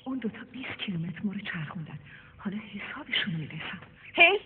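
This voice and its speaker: An actress dubbing an impatient, sharp-tongued young woman visitor. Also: mid-range voice, sing-song, over loud music, lightly acted. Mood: snappy. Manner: impatient, snappy. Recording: tinny phone-like film dub with noise.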